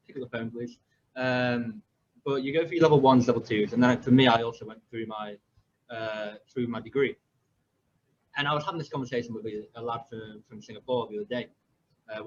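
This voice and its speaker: A man's voice: mid-range voice, fairly bright tone, slight background noise. Man in his 20s, coach hosting a chatty podcast; rambling storyteller, slightly muffled recording. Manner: rambling storyteller with many fillers and restarts. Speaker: football coach and podcast host. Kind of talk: casual podcast chat.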